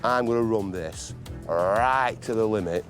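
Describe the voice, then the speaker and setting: A man's voice: fairly low pitch, measured pace. A man who works as a dealer, bantering casually in a blunt, joking way. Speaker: dealer and bidder. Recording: music behind the voice.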